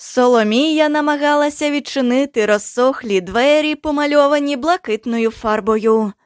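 A woman reads an audiobook aloud with a measured, unhurried storytelling manner. Her voice sits high, and the studio recording is dry and close. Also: no room sound, soft background music. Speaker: audiobook narrator. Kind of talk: scripted narration. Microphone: studio microphone.

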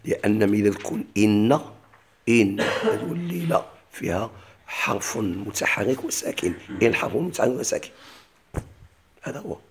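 A man's voice: fairly low pitch, animated, normal speed, slight background noise. A man with a Moroccan Arabic accent teaching a classical grammar lesson. He keeps asking his class questions and then answering them himself.

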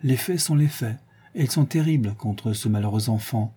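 A man voicing a calm older male philosopher who speaks gently and frankly. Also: medium pitch, breathy edge. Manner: gentle, measured.

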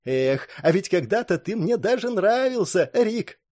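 A plainspoken young country woman, voiced by a male audiobook narrator, speaks in a folksy rustic way. The delivery sits high and swings widely in pitch. It sounds like storybook reading. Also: very animated, a little slow, darkish tone, exaggerated voice. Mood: teasing, earnest. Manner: folksy, drawls "-to" tags.

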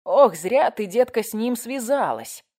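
Woman playing a shrill gossiping neighbor lady. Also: expressive, unhurried, dark tone. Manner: shrill, scolding, exclaiming. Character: loud nosy older woman neighbor, gossip.

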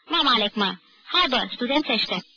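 A woman voicing a burly, boastful male student who talks in a loud, chummy, overfamiliar way, on an old archive recording. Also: extremely high pitch, expressive, highs cut off, slight background noise, heavily acted. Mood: brash swagger.

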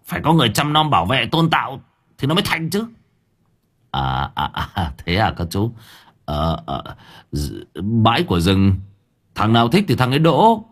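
Cocky gang boss with mocking laughs, a man reading the part, husky voice. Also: medium pitch, wildly swooping pitch, normal speed. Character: tough middle-aged male gang boss, cocky.

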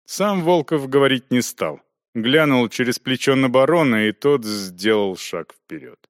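A man with a medium-pitched voice narrates a scripted audiobook in a measured, expressive storytelling style. The studio sound is clean, with no room sound.

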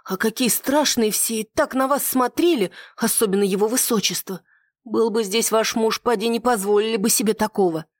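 A reader voicing a frightened, chattering young maid in an audiobook, muttering in a hushed voice. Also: mid-range voice, normal speed, no echo, clean studio sound, pitched above the performer's own voice, close to an everyday voice. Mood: frightened gossip.

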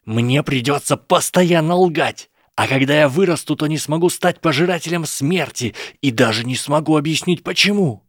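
A man voicing a proud boy wizard who is furious and shaken, shouting with his voice breaking from rage. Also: on the low side, moderate pace, creaky, dry recording, studio quality. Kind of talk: audiobook character voice.

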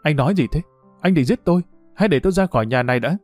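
A man's voice: on the high side, lively intonation, fast, darkish tone, no room sound, faint music behind. A man reading the lines of a frightened young wife who pleads anxiously with her husband. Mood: pleading.

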